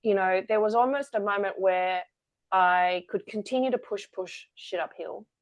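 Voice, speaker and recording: Speaking at a moderate pace in a medium-pitched voice, a female guest opens up about her story during a conversational interview. She is the founder of an energy-work business.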